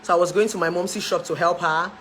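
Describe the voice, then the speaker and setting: A woman's voice: fairly low pitch, steady tone, fast talker, fairly bright tone, a little hiss or hum, poor audio. A woman in her thirties with a Nigerian accent, a relationship therapist chatting to her followers about her life, laughing often and dropping into pidgin. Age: 30s. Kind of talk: casual chat to camera.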